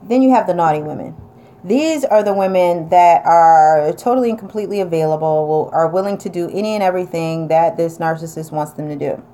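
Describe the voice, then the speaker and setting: A woman's voice: fairly low pitch, a little fast, dark tone. A woman with an upstate New York accent, chatting casually and bluntly as she reads and answers viewer comments. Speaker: vlogger reading viewer comments. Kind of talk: casual advice chat.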